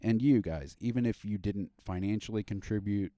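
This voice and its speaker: A deep, mellow man hosting a casual podcast chat. He rambles along with plenty of fillers and restarts. The sound is dry and close. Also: normal speed, dry recording. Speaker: podcast host.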